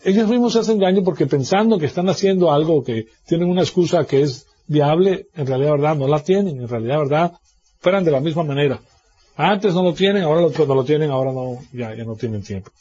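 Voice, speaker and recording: A man's voice: on the high side, fast, dark tone, slightly rough, muffled recording. A man preaching a sermon as a pastor, now and then mimicking the people he criticizes. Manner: preaching with mocking mimicry of others.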